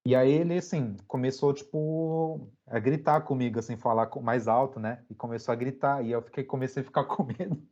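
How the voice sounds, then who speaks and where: A young Brazilian man, a podcast guest, telling a story in a relaxed, slangy way with many fillers. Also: medium pitch, brisk, few pauses, dull audio. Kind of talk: casual storytelling interview.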